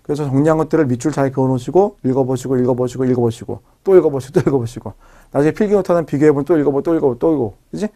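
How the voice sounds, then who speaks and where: Fast-talking man lecturing on biology. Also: medium pitch, dark tone. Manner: explains step by step, repeats key terms, checks in with tag questions. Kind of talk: recorded exam-prep lecture.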